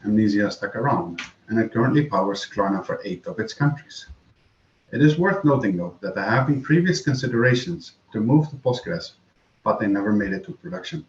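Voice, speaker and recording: Low-voiced man in an echoey room. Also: a little hiss or hum. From Netherlands. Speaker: software engineer presenting a conference talk. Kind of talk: scripted conference presentation. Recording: roomy, dull home recording.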